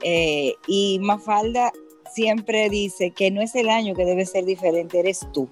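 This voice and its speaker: A woman co-hosting a casual chat, making measured, friendly remarks. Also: medium pitch, a little mellow, faint music behind.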